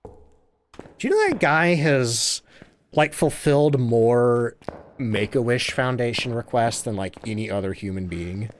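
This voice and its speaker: A man's voice: mid-range voice, animated, a little slow, a little hiss or hum. A man streaming a game live, chatting, reading viewer comments aloud and laughing often.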